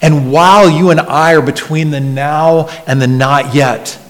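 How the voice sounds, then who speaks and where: A man preaching a sermon as pastor, earnest and emphatic, swinging from loud stresses to hushed near-whispers and often repeating words as he restarts. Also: a little high, steady tone, measured pace. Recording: long hall reverb.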